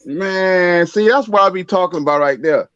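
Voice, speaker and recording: A man's voice: high-pitched, normal speed, a bit bright, clean tone, no echo. Man calling in on a muffled phone line. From Africa. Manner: laid-back, laughs easily, says "man" a lot. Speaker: caller. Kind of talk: casual call-in chat. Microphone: cell phone call.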